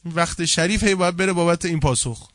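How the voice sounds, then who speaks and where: In studio-quality audio with no room sound, a male seminary cleric preaches a casual sermon packed with anecdotes. His high voice moves between loud, animated telling and quiet, sincere asides.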